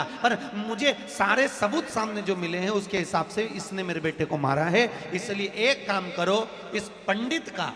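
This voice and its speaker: A man voicing a stern grieving king who slowly and solemnly passes judgment. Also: high-pitched, pushed and bright, reverberant, big-room sound, voice pushed up. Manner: slow, solemn verdict.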